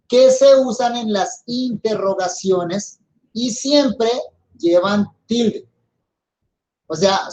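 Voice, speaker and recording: Slow, measured Colombian grammar teacher. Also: medium pitch, mellow, low-quality recording. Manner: measured, explains step by step to students. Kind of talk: recorded grammar lesson.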